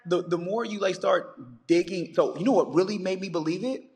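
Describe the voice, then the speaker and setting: A man who is a science teacher, chatting on a podcast as a guest and telling stories with animated energy. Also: high voice, moderate pace, in a large hall. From United States. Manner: animated storyteller, acts out callers in quotes. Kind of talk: casual podcast chat.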